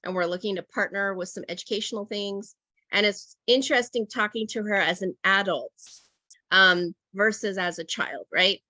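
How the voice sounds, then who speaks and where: A woman's voice: mid-range voice, moderate pace, bright, forceful tone, dry recording. A middle-aged woman leading an online teacher workshop over a video call, talking reflectively and checking in with "right?" and "okay?".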